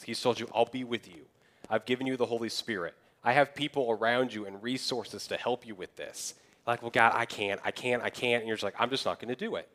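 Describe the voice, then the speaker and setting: A young man preaching a sermon as pastor, in a conversational way, acting out people's excuses in quick asides. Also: mid-range voice. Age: young adult.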